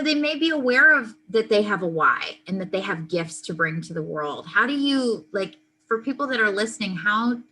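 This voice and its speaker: Bright-voiced woman host with faint hum. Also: medium pitch, low-quality recording. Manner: thoughtful, filler-heavy questioning. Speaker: podcast host. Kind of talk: interview conversation.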